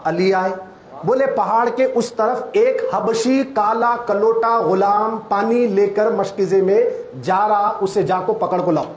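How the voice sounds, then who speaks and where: A man preaching a sermon, moving from low storytelling to loud shouted preaching. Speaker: Islamic preacher. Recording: echoey hall, crowd.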